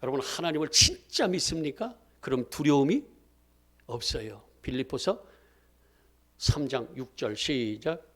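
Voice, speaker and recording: A man preaching a sermon as pastor, throwing questions at the congregation and answering them himself in a lively call-and-response style. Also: mid-range voice, unhurried.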